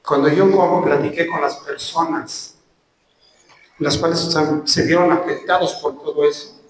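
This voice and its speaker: A man with a Mexican Spanish accent preaching a sermon and telling a personal testimony, slow and emphatic. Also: a little high, steady tone, slight background noise. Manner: earnest storytelling, slow emphatic phrases. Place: church hall. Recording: very echoey hall, from far off.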